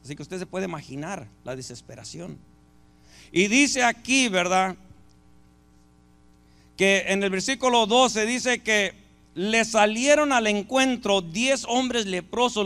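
A man's voice: high voice, fairly bright tone. A male pastor, preaching a sermon and asking the congregation rhetorical questions.

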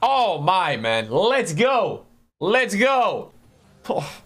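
A young man with a fairly high-pitched voice talks to his livestream chat. He sounds like a frat bro, casual and slangy, addressing everyone as bro, dude or man while he plays. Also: sing-song, drawn-out words, fairly bright tone. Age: young adult. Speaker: game streamer. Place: small room indoors.

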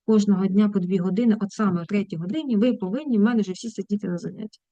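A woman's voice: mid-range voice, mellow, no echo, muffled recording. Woman teaching German grammar online. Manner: explains, then asks the class "got it?"; slows down to read German example sentences. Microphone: video call.

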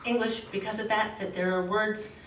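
Speaking at a podium, a forties-aged novelist raised in Australia, Canada and the States reads her prose with measured expressiveness before answering questions in a halting, self-correcting way. Her pitch is medium. The podium microphone is recorded from a far camera in an echoey small indoor room with a red curtain, so she sounds distant, with faint hiss.

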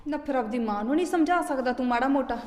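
An actress playing a resentful young pregnant wife who snaps and scolds defiantly. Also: female voice, high-pitched, fast talker, reverberant, big-room sound, lightly acted. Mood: angry. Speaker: daughter-in-law.

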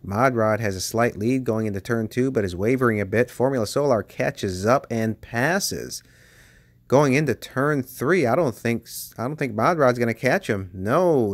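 A man giving play-by-play commentary on toy car races as the channel host, with bursts of excitement at close finishes. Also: medium pitch, no room sound. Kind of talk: race commentary. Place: basement with toy race track.

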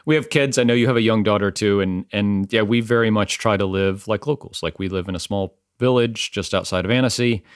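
A podcast host, a man with a lowish, fairly quick voice, chats casually with a guest from his home in a small village, barely pausing and often restarting sentences amid plenty of fillers. His tone is clear and resonant, and the clean studio sound has no echo.

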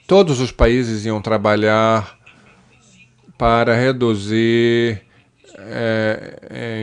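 A man giving a simultaneous interpretation voice-over of a panel discussion, measured and pausing often with fillers and restarts. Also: on the low side, clear, resonant tone.

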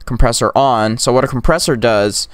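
Clean studio sound with no room sound captures a young man's medium-pitched voice at normal speed on a close USB condenser mic. In this casual screen-recorded tech tutorial he rambles with plenty of "like" and "um," dropping to a whisper or yelling during demos.

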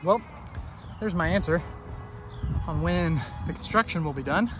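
A man's voice: fairly high pitch, a little slow, music in the background. A man rambling casually and playfully to his vlog while he runs along an outdoor trail. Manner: talking while running outdoors. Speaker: vlogger.

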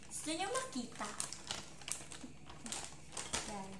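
Slow-talking Filipino woman vlogger. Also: fairly high pitch, huge pitch swings. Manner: chatty, mixes English with Tagalog, many "so"s. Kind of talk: casual mukbang vlog chat. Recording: echoey room with clear background noise.

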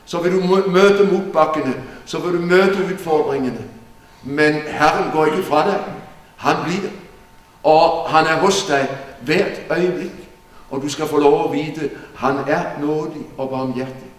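An earnest man preaches with steady emphasis, his fairly high voice picked up from a distance. The church hall rings with a long, roomy echo around every phrase. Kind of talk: sermon Bible teaching. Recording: echoey church hall from far off.

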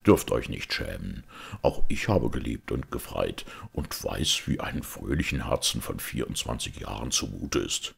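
A man's voice: animated, exaggerated voice. A man voicing a proud, brooding middle-aged outlawed knight in an audiobook, with solemn, weighty speech. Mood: hearty. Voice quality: deep gravelly rasp. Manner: solemn, weighty, slow delivery. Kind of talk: audiobook character voice.

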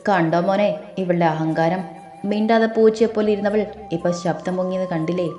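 A woman's voice: on the low side, a little fast, dark tone, echoey room, faint music behind, lightly acted. A woman voicing a scornful, greedy middle-aged uncle who insults his niece, in an audio story. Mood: sly. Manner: sneering, insulting.

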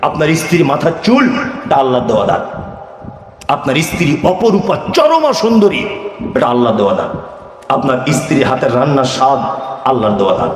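A man's voice: medium pitch, sing-song, fairly quick, pauses often, a little hiss or hum. A man from India preaching a sermon, firing rhetorical questions at the crowd and calling for their answers. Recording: echoey hall with long reverb.

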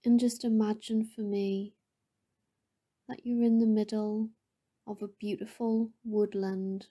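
A woman with a mid-range voice and little pitch movement leads a meditation session. She speaks softly and breathily, often nearly whispering, in a calm, gentle way that leaves long pauses between phrases.

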